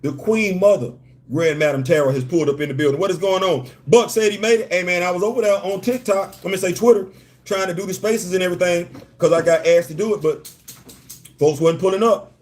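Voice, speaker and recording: His voice a bit high for a man, darkish and a little fast, a New York streamer with a touch of Southern accent keeps up animated commentary. He repeats lines for weight, leans on slang, and calls out to viewers as they show up.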